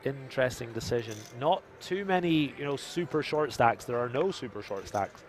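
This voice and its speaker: A man's voice: medium pitch, expressive, moderate pace, slight background noise. A man commentating a live poker stream, joking and reading viewer chat aloud.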